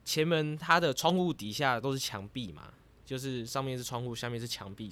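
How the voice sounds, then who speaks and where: A man casually retelling a dream in a rambling, lively way as a vlogger. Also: mid-range voice. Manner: rambling and lively, grows excited as the story goes on.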